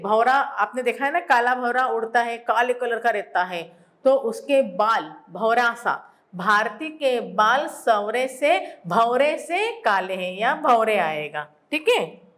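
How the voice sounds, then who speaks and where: A woman teacher giving a school lesson, explaining slowly and answering her own questions. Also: fairly high pitch, animated, a bit bright. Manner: repeats words for emphasis. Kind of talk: classroom Hindi lesson.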